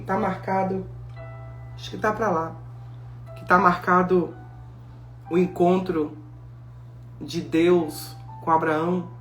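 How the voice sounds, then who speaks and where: A woman preaching a sermon, telling the story with lively acted-out dialogue. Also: lowish voice. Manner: animated storytelling, acting out biblical dialogue. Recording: echoey room with faint music.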